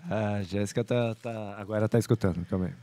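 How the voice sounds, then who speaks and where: A man's voice: lowish voice, fairly even intonation, fairly quick, mellow, no room sound. A man with a mid-range voice co-hosting a podcast. He reads viewer donations and questions aloud in an easygoing way. The recording is dry and close. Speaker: podcast co-host reading donations. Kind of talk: casual podcast banter.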